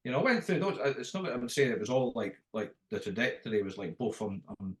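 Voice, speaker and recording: A man's voice: medium pitch, fast, roomy sound. A middle-aged Scottish man with a Dundee accent, telling career anecdotes in a casual, rambling interview style with frequent restarts. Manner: rambling, often restarts phrases mid-thought. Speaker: interview guest, after-dinner impressionist.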